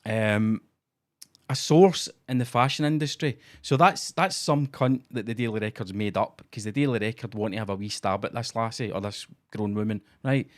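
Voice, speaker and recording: A man's voice: lowish voice, moderate pace. A Scottish man co-hosting a podcast, telling sweary stories in a sardonic, casual way. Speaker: podcast co-host. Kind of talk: casual comedy chat.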